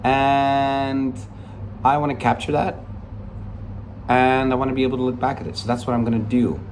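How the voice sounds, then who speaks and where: A young Dutch man in his twenties rambles confidently and upbeat in an unscripted vlog monologue from a room in London, his accent a mix of American and international. His mid-range voice shows little pitch movement, his pace is normal, and slight background noise is audible.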